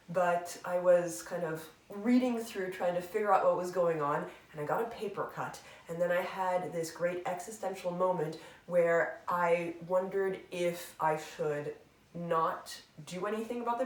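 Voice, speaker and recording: A woman with a fairly low voice sits far from the mic in a roomy, echoing space. She hosts a book channel and is casually answering a tag, chatting reflectively, rambling with fillers and poking fun at herself.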